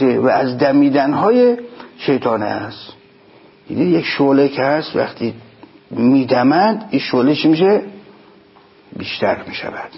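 A man giving a sermon, explaining in plain speech and slowing down to chant quoted lines. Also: medium pitch, vocal fry, a little hiss or hum. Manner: slow chanted quotations, emphatic explanations. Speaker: preacher. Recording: dull lo-fi recording.

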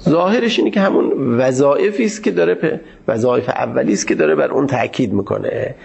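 A man teaching a seminary lecture on jurisprudence in a formal, measured way, pausing often to find his words. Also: mid-range voice, lively intonation, creaky, darkish tone.

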